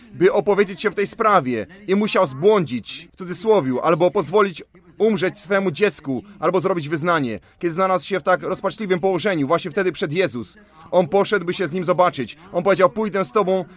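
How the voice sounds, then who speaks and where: A man with a fairly high voice delivers a sermon. He retells stories with emphatic, storytelling force and leans hard on key words. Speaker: preacher.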